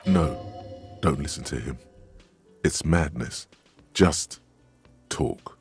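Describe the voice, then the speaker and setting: An actor voicing the narrator of a video game, speaking in a measured, ominous way. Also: male voice, very deep voice, faint music behind, full character voice. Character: deep-voiced male game narrator, solemn.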